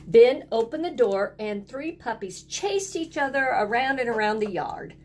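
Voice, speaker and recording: Animated and a little mellow, her voice slightly high, a woman reads a picture book to young children like a teacher would. She keeps her phrasing simple and deliberate, inviting them to join in by repeating words, over slight background noise.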